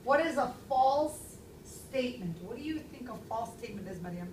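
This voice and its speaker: A woman in her thirties teaching a classroom language lesson, speaking clearly and stressing key words. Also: a little high, animated, normal speed, a little mellow, slight background noise. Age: 30s. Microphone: far camera. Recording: echoey classroom from far off.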